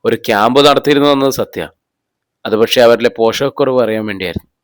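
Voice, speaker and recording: A man's voice: medium pitch, fast talker, dry recording, natural voice. A man reading the lines of a middle-aged mother under police questioning, defending herself and growing indignant. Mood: defensive. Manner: defensive, voice rising when accused.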